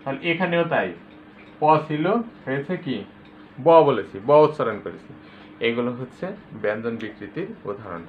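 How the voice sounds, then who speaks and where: A man teaching a grammar lesson to school students, patiently explaining and repeating example words with loud stress. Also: mid-range voice, animated, measured pace, slight background noise. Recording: tinny lo-fi phone-like recording.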